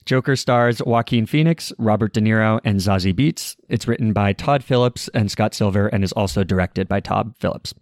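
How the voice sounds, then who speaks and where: A man hosting a film review podcast, telling stories in a relaxed, conversational way. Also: on the low side, normal speed, few pauses, no echo, studio quality. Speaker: podcast co-host.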